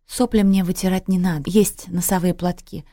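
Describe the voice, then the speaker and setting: A woman reading a story, voicing a bitter young adult daughter who speaks in a slow, scornful hiss. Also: lowish voice, fairly even intonation, warm tone, no echo, clean studio sound, close to an everyday voice. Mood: venomous hiss. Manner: slow hissing whisper, scornful.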